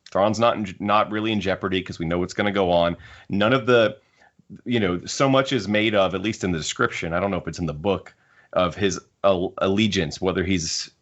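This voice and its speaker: A podcast host with a low, fairly bright voice talks casually about a book, thinking aloud as he rambles. The recording is dull, lo-fi podcast audio.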